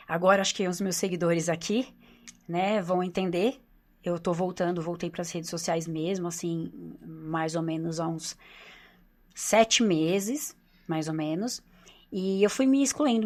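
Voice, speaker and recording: A woman with a Brazilian accent, a doctor who runs a nutrition clinic, shares her personal story as a podcast guest in an earnest, confiding way. She often ends sentences with "né?" and repeats phrases, and her voice is fairly low and a little mellow.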